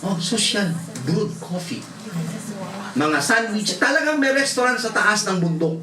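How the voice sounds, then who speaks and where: A man's voice: high-pitched, lively intonation, measured pace, crowd noise. A male pastor from the Philippines preaching a sermon, telling stories with laughter and mixing in English. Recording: roomy hall, voice from far off, faint noise.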